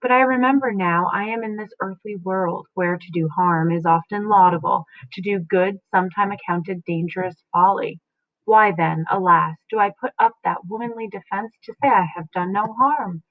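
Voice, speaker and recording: A woman's voice: mid-range voice, normal speed, dry recording, close to an everyday voice. A woman reading a bitter noble mother. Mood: fearful. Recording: tinny phone-like dry sound.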